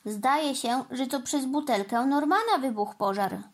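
A woman reading a storybook, voicing a calm, matter-of-fact adult male fireman. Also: high voice, measured pace.

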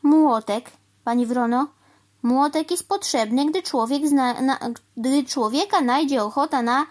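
A woman voicing a cheerful, stubborn mother cow in a children's story, answering calmly and matter-of-factly. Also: high-pitched, unhurried, voice pushed up. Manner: calm, matter-of-fact, unbothered. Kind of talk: storybook reading.

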